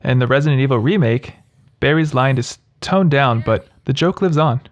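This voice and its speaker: A man's voice: medium pitch, lively intonation, normal speed, dull audio. A man narrating scripted humorous commentary as a video host, in a sarcastic, mocking manner.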